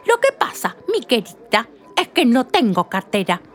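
Woman reading stubborn hurried shopper lady, emphatic, highish voice, lively swings, read-aloud play. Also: soft background music. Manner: stubborn, rises to emphatic outbursts.

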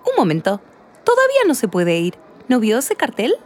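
A woman's voice: a little high, huge pitch swings, normal speed, a faint crowd. A woman voicing a fussy, rule-bound cashier in a read-aloud play, insistent and easily flustered. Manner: insistent, grows exasperated and fussy.

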